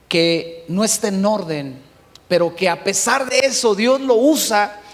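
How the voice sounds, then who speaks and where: A middle-aged Mexican pastor preaching a sermon, swinging between shouts and hushed passages. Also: male voice, very high voice, long reverb tail. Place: church hall.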